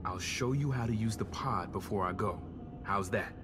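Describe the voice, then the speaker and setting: In a video game cutscene, a man voices a savvy, self-interested tech operative, talking in a wry, slangy, casual style with a businesslike mood. His voice is lowish and lightly acted, at a moderate pace over music.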